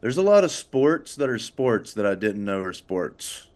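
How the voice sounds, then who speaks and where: A man's voice: fairly low pitch, big pitch swings, unhurried, darkish tone. A man in a casual chat, laid-back and hesitant, with lots of fillers. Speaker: baseball pitcher guest.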